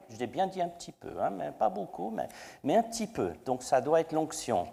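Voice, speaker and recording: A male pastor with an English accent, preaching a sermon in a halting way with many fillers. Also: fairly high pitch, sing-song, creaky, mellow, big-room sound.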